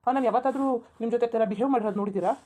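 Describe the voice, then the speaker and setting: In Kannada cartoon voice acting, a woman with a fairly high, warm voice plays a flustered, polite young married man, racing as she pleads with someone to stop. The performance is lightly acted.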